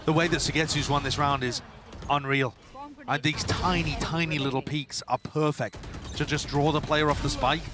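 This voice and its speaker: Fairly high-voiced male esports analyst. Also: fairly even intonation, moderate pace, over music. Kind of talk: live analytical esports commentary.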